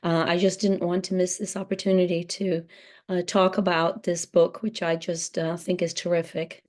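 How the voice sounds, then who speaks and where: A woman with a low, mellow voice made croaky and hoarse by laryngitis moderates a book talk. She speaks hesitantly, full of ums and restarts as she sets up the conversation. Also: flat delivery, moderate pace. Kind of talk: introductory remarks at a book talk.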